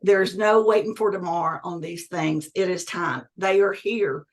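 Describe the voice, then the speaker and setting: In a conversational interview, a sixties-aged female guest with a lowish voice speaks unhurriedly. Her delivery is earnest and emphatic, and she returns to key phrases again and again.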